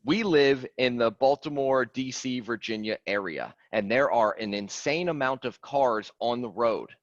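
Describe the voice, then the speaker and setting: A man, coaching clients on a video call in an earnest, animated way, stressing key phrases by repeating them. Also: medium pitch, measured pace, no echo. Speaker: fitness coach. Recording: dry, dull lo-fi call audio.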